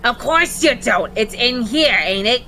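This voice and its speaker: A woman's voice: a little high, lively intonation, a little slow, bright, forceful tone, slight background noise, voice pushed up, full character voice. A woman voicing a cheeky male imp messenger who talks in streetwise slang.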